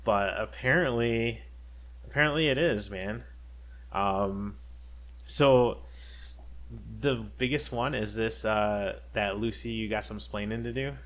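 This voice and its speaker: Male podcast co-host, lower register, loose rambling delivery with fillers and restarts. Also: slow, a bit bright. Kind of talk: casual chat.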